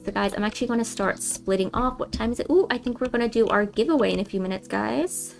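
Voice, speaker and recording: A woman's voice: on the high side, fast, creaky, faint music behind. A young woman hosting a game livestream, telling a story in a rambling, chatty way with lots of fillers and restarts, often calling her viewers guys. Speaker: livestream host.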